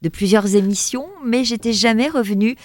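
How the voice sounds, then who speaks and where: A woman hosting a radio interview, poised and smooth as she introduces songs and asks questions. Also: on the high side, normal speed, a little mellow, dry recording, studio quality. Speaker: radio host. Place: radio studio.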